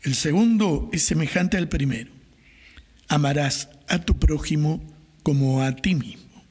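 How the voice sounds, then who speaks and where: A middle-aged man, a priest, reads the Gospel and preaches a homily in a calm, measured way from a lectern microphone in a small chapel. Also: a little high, breathy edge. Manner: calm, measured liturgical delivery. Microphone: gooseneck microphone on the lectern. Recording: reverberant chapel sound.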